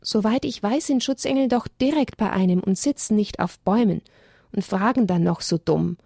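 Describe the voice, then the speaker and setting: A woman's voice: mid-range voice, normal speed, creaky, husky, no echo, clean studio sound. A woman voicing a bold, cheeky young male animal in a children's story. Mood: bold, calling out. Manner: cheeky, loud-spoken.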